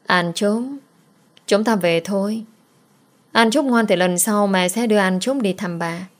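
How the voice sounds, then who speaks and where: A woman voicing a grieving young mother who gently coaxes her daughter. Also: mid-range voice, unhurried, lightly acted. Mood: coaxing.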